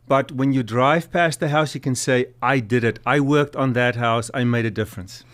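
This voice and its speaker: Speaking at medium pitch and moderate pace with a fairly bright tone, a middle-aged man from South Africa recounts stories as a talk-show guest. He heads a nonprofit, carries a light South African accent, and chats earnestly with plenty of fillers.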